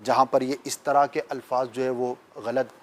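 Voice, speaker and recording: A man's voice: mid-range voice, little pitch movement. A man, a talk-show guest, patiently lecturing with emphatic examples. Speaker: guest speaker. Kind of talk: explanatory talk-show discussion.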